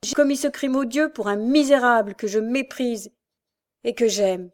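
A woman's voice: on the high side, moderate pace, darkish tone, close to an everyday voice. A woman voicing a desperate, tormented young woman thief with pleading, impassioned outbursts. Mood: anguished.

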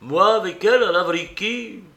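Troubled nobleman, earnest and pleading, read by a man, slow and measured. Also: medium pitch, lively intonation, a bit bright. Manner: pleading, hesitant.

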